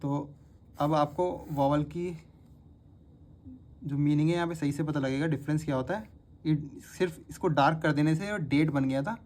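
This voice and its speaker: Teacher walking beginners through shorthand strokes, recorded on a phone, with steady and patient repetition. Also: mid-range voice, moderate pace, long pauses. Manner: patient, repeats each word several times. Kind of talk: step-by-step spoken lesson.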